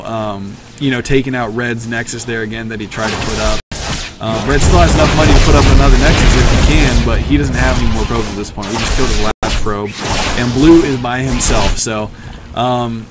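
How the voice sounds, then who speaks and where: A man's voice: medium pitch, moderate pace, loud music behind the voice. Tired man rambling over a game replay. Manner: rambling, with many ums and uhs. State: very tired, late at night. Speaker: channel host commenting on his own match. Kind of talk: casual replay commentary.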